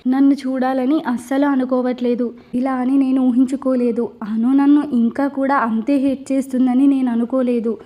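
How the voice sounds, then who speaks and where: High-voiced woman narrating a love story. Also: dark tone. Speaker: writer and narrator. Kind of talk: first-person scripted story narration.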